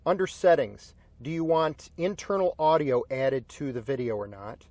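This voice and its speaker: A man's voice: mid-range voice, moderate pace, a little mellow. American man narrating a car video. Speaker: host of a car video channel. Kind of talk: explanatory tutorial and storytelling narration.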